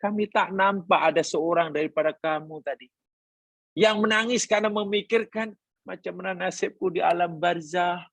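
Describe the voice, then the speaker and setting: A man's voice: high-pitched, normal speed, fairly bright tone, no echo. A man teaching a religious class, telling a story and quoting Arabic lines before explaining them. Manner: storytelling, voicing family members and quoting Arabic. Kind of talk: sermon.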